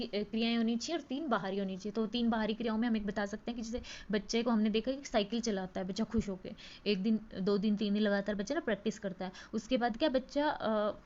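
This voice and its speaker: A woman's voice: a little high, quick pace, darkish tone, lo-fi sound. A woman tutor giving an exam-prep lecture. She explains at length, with many fillers and repeated words.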